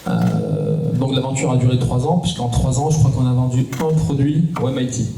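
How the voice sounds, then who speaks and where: Speaking on a conference panel, this southern French man in his forties describes the startup he cofounded, hesitating often with fillers. His mid-range voice is very animated, gravelly and dark, at a moderate pace. The round-table conversation was captured in an echoey conference hall with a distant mic and faint noise.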